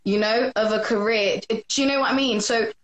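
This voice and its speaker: Excited high-voiced woman host, echoey. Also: moderate pace. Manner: excited, gushing. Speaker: livestream host. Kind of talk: casual livestream chat.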